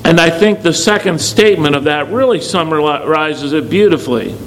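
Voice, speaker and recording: A man's voice: fairly high pitch, normal speed, poor audio. A man leading a church congregation as pastor, preaching emphatically and repeating key words for stress. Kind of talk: sermon.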